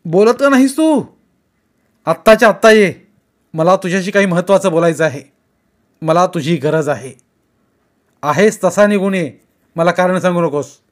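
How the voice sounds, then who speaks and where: A man reading a story aloud, voicing a loud, impatient man who barks orders over the phone. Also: high voice, expressive, measured pace, pitched above the performer's own voice. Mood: commanding. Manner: loud, commanding, shouting. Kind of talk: audiobook character reading.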